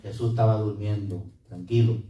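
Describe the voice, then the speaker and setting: A man's voice: on the low side, fairly even intonation, moderate pace, lo-fi sound. A man who is a pastor, preaching a sermon to his congregation and mixing in English words, recorded from a distance in a church hall. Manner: preaching with Spanish-English code-switching. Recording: echoey room, mic from a distance.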